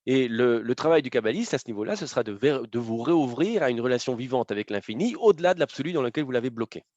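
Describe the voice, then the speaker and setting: A man's voice: medium pitch, expressive, quick pace, a little mellow, dry recording. A man giving a lecture to a live audience, explaining points one by one and often tagging his sentences with short checking questions. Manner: explanatory, punctuated by frequent tag questions. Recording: dull, slightly muffled lo-fi sound.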